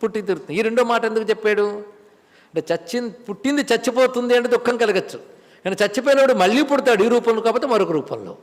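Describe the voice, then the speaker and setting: A man giving a religious discourse on scripture, asking rhetorical questions and chanting verses. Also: high-pitched. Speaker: spiritual teacher. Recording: long hall reverb.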